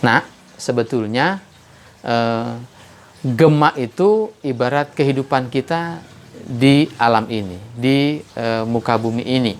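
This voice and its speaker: A man hosting his own channel, telling a moral story slowly and thoughtfully, pausing often with "eh" and lifting his voice on key points. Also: slight background noise. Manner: unhurried, measured, frequent "eh" pauses; rises in pitch and force on key points. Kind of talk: reflective moral storytelling monologue.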